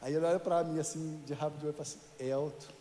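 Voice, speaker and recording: Male pastor from Brazil, higher-pitched voice, chatty sermon style with asides to the congregation, echoey church sanctuary. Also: flat delivery, very fast, mellow, slight background noise. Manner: conversational, joking with the congregation; addresses listeners as "querido".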